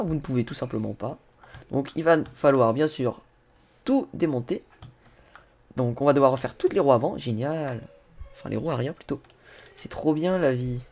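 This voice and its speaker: Man, fairly high-pitched, casual gaming tutorial, talks to viewers, laughs and swears at mishaps. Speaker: gaming YouTuber. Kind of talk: casual game tutorial commentary.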